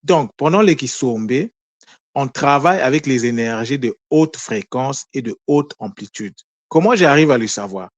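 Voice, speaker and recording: A man's voice: mid-range voice, lively intonation, normal speed, dry recording. A man explaining the meaning of a word as a spiritual teacher, often stumbling over repeated words as he searches for phrasing and answering his own questions. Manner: asks himself questions then answers them.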